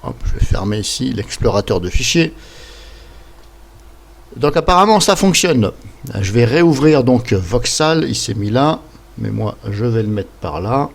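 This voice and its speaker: A man talks through a software tutorial in an informal way. His voice sits at an average pitch. He rambles as he explains each step. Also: lively intonation, unhurried, gravelly. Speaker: tutorial presenter.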